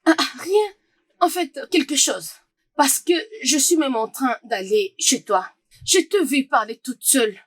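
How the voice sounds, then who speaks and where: A woman voices a sly young friend in a dubbed film who teases and mocks. Her voice sits high, and the sound is close and dry. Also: lively intonation, unhurried, dry recording. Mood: placating. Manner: teasing, mocking.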